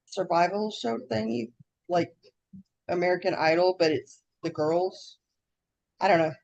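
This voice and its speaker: Low-pitched woman who softens her R's toward W. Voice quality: trouble saying R's, w-like R sounds. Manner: scattered, easily sidetracked. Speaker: podcast co-host. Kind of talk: casual chat, reading news items.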